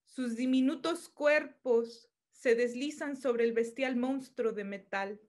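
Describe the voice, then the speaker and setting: A woman reading her own poem aloud in a calm, measured lyrical recitation. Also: on the high side. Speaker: poet. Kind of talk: poetry reading.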